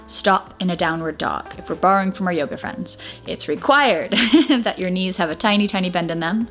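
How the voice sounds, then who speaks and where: A woman working as a Pilates instructor, guiding an exercise class with encouraging, step-by-step cues. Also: on the low side.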